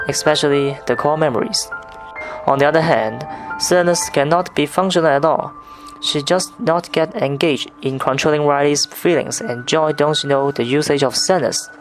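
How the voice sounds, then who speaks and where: Scripted film review narrator over music. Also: medium pitch. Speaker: video essay narrator.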